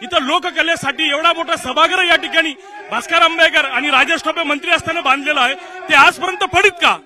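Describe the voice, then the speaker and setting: Indignant Marathi man shouting outdoors. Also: very high voice, brisk, a faint crowd. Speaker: debate participant. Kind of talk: shouted complaint at an outdoor debate. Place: outdoor public gathering.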